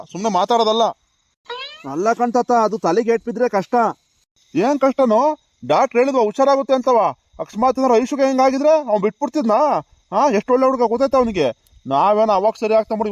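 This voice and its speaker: A man's voice: extremely high pitch, darkish tone, no room sound, highs cut off. A man voicing an old village grandfather in a cartoon who reassures a crying girl and lectures a relative, chiding with repeated "ha".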